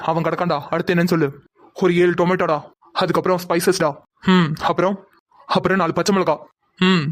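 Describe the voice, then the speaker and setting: A man's voice: high voice, natural voice. A man doing whiny bantering cartoon young men. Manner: joking, whiny complaints.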